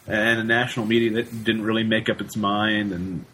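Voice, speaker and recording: A man's voice: lowish voice, flat delivery, fairly quick, sharp tone, slight background noise, rough recording. A young man, a university student, talking as a guest on a casual podcast, often repeating words as he searches for what to say. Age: young adult. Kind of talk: casual conversational interview.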